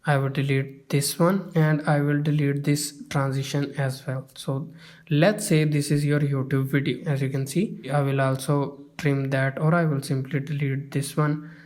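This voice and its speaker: Man, software tutorial narration, fairly high voice, monotone delivery, step-by-step, filler-heavy. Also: moderate pace. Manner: step-by-step, with frequent "uh" and "you can say" fillers. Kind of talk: screen-recorded software tutorial.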